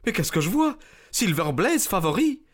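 An actor playing a proud, agitated colonel who owns racehorses, excitable and stammering in French radio drama style. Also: male voice, sits high, normal speed. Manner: excitable, stammering when flustered.

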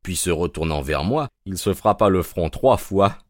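A man narrating an audiobook in a measured, composed way. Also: low voice, expressive, no echo, clean studio sound.

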